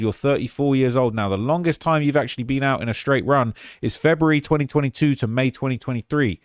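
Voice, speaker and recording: A man's voice: no echo, studio quality. Man reading out courtroom notes. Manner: relays quotes in a rising, emphatic tone, asides dropped low and quiet. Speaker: commentator recapping courtroom testimony. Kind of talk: reading handwritten notes of a court exchange aloud.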